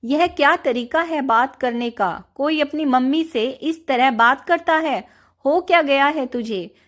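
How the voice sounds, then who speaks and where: A woman voicing a young mother who is quick to scold, in a storybook reading. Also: high-pitched, fairly bright tone.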